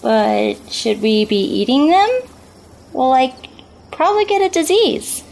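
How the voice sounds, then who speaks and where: A woman's voice: high-pitched, big pitch swings, a little slow, gravelly, darkish tone, a little hiss or hum, full character voice. A woman voicing a bratty, squeamish teenage girl in a cartoon, with a valley-girl way of talking. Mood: whiny.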